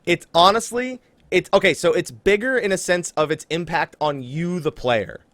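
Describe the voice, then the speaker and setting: This is a high-pitched man at normal speed, his tone a bit bright, recorded dry. He's the host of a casual gaming podcast, addressing listeners directly and emphatically to get them excited.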